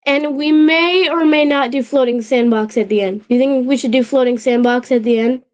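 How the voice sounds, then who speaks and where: A woman whose voice sits high hosts a casual livestream, speaking in a stop-start way with frequent restarts and check-ins with chat. Her voice is slightly off because her sore throat hasn't fully healed.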